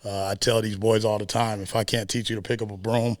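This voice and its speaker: A low-pitched man from South Sudan, a high school football coach, speaks in an even, steady tone at a media day interview, earnest and measured and pausing often on fillers. The sound is dry and close, with no room sound.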